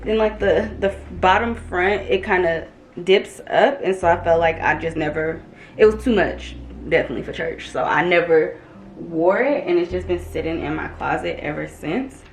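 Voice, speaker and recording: A woman in her thirties chatting casually as a vlogger at home, relaxed and drawling. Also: lowish voice, moderate pace. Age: 30s. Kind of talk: casual chat. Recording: roomy echo, light room noise.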